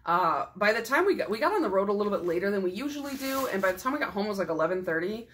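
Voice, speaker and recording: A woman's voice: mid-range voice, big pitch swings, rapid-fire, slight background noise. A young woman talks through a casual haul vlog in a chatty, self-deprecating way, laughing often. She is tired and her voice is going. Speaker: nail polish YouTuber.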